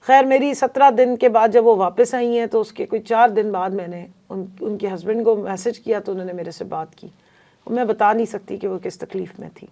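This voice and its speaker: A woman's voice: medium pitch, fairly even intonation, dark tone. A woman from Pakistan, a politician guest on a podcast interview, telling her story in an emphatic, earnest way.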